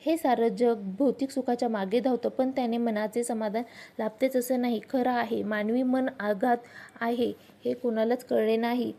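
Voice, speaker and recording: A woman voicing a calm philosophical old wanderer. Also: fairly high pitch, moderate pace, vocal fry. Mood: calm, musing.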